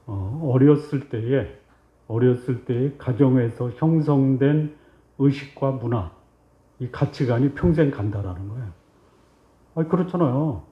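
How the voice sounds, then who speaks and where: A man's voice: medium pitch, unhurried. A male pastor giving a Sunday sermon. He asks the congregation questions and answers them himself, and he acts out short exchanges between God and a believer. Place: church sanctuary. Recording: roomy, slightly dull church recording.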